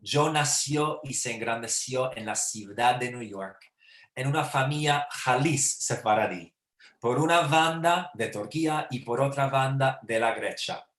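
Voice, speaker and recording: A male host introduces guests over a video call in a friendly, unhurried way. His voice sits mid-pitched, and the room adds a noticeable echo. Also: fairly bright tone. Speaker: host of an online talk series. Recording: roomy echo.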